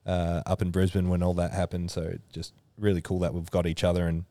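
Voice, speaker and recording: Aussie podcast host guy, lowish voice, rambling relaxed chat, dry sound. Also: a little fast, no echo. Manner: relaxed, explains at length with many fillers. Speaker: podcast host, powerlifting organiser. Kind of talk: casual chat.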